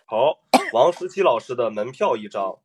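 A man's voice: mid-range voice, animated, normal speed, background noise. A man hosting a comedy podcast talent contest, teasing and playful, coughing now and then. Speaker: podcast host. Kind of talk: casual comedy podcast chat.

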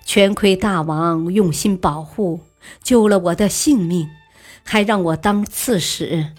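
A woman voicing a scheming male court favorite who flatters and pleads with drawn-out sighs. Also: on the low side, husky, faint music behind. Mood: wheedling.

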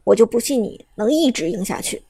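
A woman's voice: a little high, lively intonation, brisk, mellow, husky, no echo, clean studio sound, full character voice. A woman voicing an arrogant young male gamer who cannot accept losing, speaking with scornful, boastful threats.

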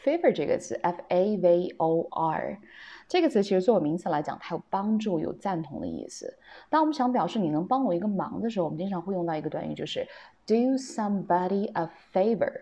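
A woman hosting a spoken English lesson. She often asks her listeners questions and slows down to read the English lines. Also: on the low side, big pitch swings, dark tone. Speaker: English teacher, podcast host.

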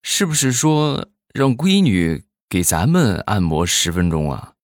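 A man voicing a wife who gently questions her husband. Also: on the low side, sing-song, a little slow, dry recording, studio quality. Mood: questioning.

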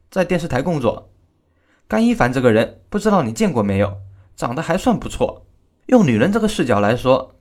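A man telling a true-crime story in the first person as a victim's relative, with a gossipy, indignant manner. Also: on the high side.

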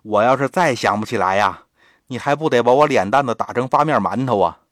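A man's voice: medium pitch, lively intonation, a little fast, no echo, studio quality, close to an everyday voice. A man voicing a small boy who talks like a grumbling grown man, cheeky and complaining. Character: small boy speaking with a grown man's memory.

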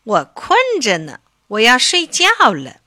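一位女士在故事朗读中扮演一只撒娇、爱耍赖的小猫咪，说话嘟嘟囔囔的。. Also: female voice, medium pitch, wildly swooping pitch, measured pace, pushed and bright, dry recording, studio quality, exaggerated voice. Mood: whiny. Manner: pouty, wheedling. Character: spoiled whiny little kitten. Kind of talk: storybook reading.

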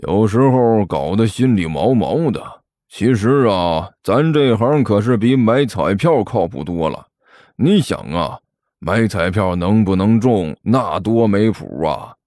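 A man voicing a gruff, boastful middle-aged tomb-robber master who lectures slowly and grumbles at his apprentice. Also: on the low side, very animated, darkish tone, dry recording, studio quality, pitched below the performer's own voice. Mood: musing.

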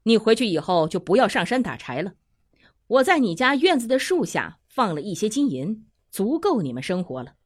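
Woman doing a slow, calm talking snake. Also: medium pitch, breathy edge. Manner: slow and measured.

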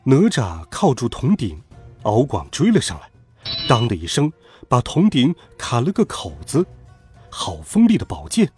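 A man telling a classic myth as scripted storybook narration, dramatic and expressive. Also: medium pitch, measured pace, soft background music.

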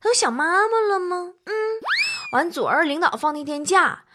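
A woman's voice: very high-pitched, animated, background noise. A woman hosting a radio show, telling a funny story in a chatty, teasing way. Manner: teasing, chatty, drawn-out phrasing. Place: radio studio.

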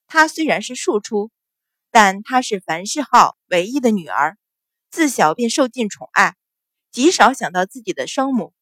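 A woman with a fairly high voice narrates a period novel, acting out the characters' quoted lines with extra pitch and force. Her voice is recorded close and dry, with no room sound at all. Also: a bit bright, no echo. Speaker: audiobook narrator.

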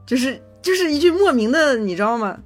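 A woman co-hosting a podcast, telling a personal story in casual chat, animated, swearing freely and correcting herself as she goes. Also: high voice, a little fast, soft background music. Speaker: podcast co-host.

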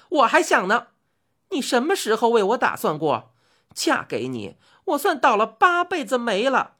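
A woman voicing Chang'e, a vain, quick-tempered young wife who scolds shrilly, for a spoken storybook. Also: lowish voice, breathy edge.

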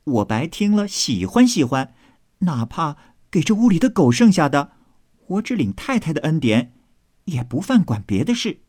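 Qiuwen, a man doing a high chirpy maid girl. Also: sing-song, moderate pace, a little mellow, no echo, studio quality. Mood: eager chatter. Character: lively young maidservant girl, eager and chatty.

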